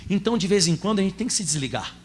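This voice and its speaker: A man with a Brazilian Portuguese accent preaching a sermon as pastor, emotional, rising at times to loud cries. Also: high-pitched, animated, racing.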